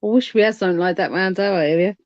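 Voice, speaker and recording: A woman's voice: medium pitch, fast talker, a little mellow, dry recording, lo-fi sound. A British woman chatting casually and playfully, laughing often. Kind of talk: casual chat.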